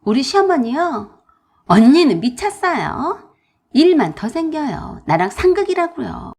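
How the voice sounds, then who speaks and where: A woman's voice: high voice, sing-song, darkish tone, pitched above the performer's own voice, heavily acted. A woman voicing a selfish young sister-in-law who whines and flares up, in a radio drama. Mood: pleading, whiny. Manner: whiny, demanding, quick to flare.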